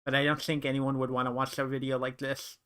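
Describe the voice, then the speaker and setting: Bright, clear-voiced male streamer rambling. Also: medium pitch, completely flat delivery, fast talker. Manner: rambling, thinking aloud with many fillers. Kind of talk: casual live-stream chatter.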